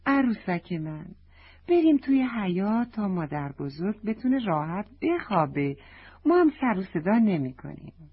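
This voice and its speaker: Woman reading as a curious little girl, eager and bouncy in pitch, breathy tone, dull lo-fi sound. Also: big pitch swings.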